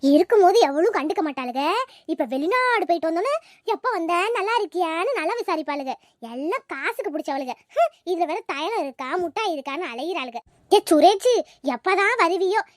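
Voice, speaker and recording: A sharp-tongued old village grandmother from a cartoon, voiced by a woman, grumbling and scolding. The voice sits very high and squeaky. It is recorded dry and close, with no room sound. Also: expressive, a little fast, no echo. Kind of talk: cartoon voice acting.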